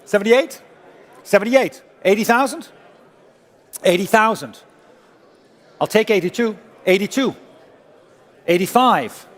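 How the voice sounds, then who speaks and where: A man's voice: high-pitched, animated, a little slow, pauses often, a bit bright. A man working as an auctioneer, calling bids in a formal, insistent way and repeating figures over and over. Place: large auction hall, indoors. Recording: long-reverb hall sound.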